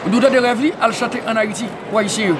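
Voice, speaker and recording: A man who interviews at an event, excitable and tagging nearly every phrase with "hein?". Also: very high voice, quick pace. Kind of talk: casual community media interview. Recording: noisy crowded public event. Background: crowd chatter.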